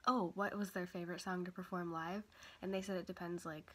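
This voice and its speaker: A young woman vlogger with a stuffy nose from a cold chats casually, rambling with many fillers and self-corrections. Her quiet voice is fairly low, level in tone, and brisk, with slight background noise.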